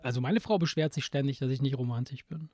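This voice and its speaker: A man's voice: medium pitch, fast talker, dark tone, dry recording, studio quality. A middle-aged man in casual banter, teasing and laughing easily, with lots of hesitation fillers. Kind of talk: casual chat.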